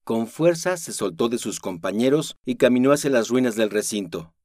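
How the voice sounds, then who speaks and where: A man narrating a novel in a steady, measured voice. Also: medium pitch, no echo, studio quality. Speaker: audiobook narrator. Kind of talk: scripted narration.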